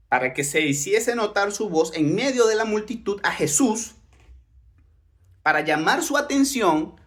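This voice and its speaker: Preacher giving a Bible-teaching sermon. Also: male voice, sits high. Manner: explanatory, rhetorical questions, reads scripture then comments.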